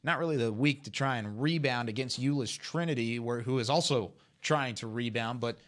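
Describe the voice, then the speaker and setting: A man hosting a live high school football scoreboard show in a studio, running through scores in an upbeat way. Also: moderate pace, a bit bright. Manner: upbeat, moving through game results. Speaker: studio host.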